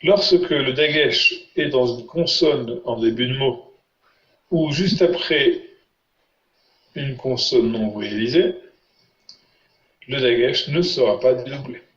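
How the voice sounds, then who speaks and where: A man's voice: medium pitch, takes it slowly, pauses often. A man teaching a language lesson, patiently quizzing his students. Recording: roomy, muffled lo-fi sound.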